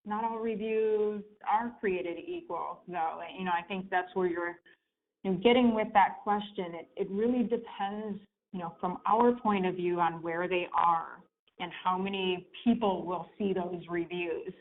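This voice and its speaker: A woman's voice: lowish voice, fairly even intonation, unhurried, slight background noise. Woman on a tinny conference call line. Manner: filler-heavy, easygoing. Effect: heard over a conference call phone line. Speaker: guest expert on client reviews. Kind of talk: conversational explaining. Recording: tinny phone-line teleconference audio.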